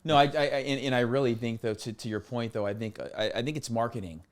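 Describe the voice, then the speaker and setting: A man's voice: mid-range voice, steady tone, fast. A man in his forties talking casually as a podcast guest, emphatic, often repeating words as he goes. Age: 40s. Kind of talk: casual conversational interview.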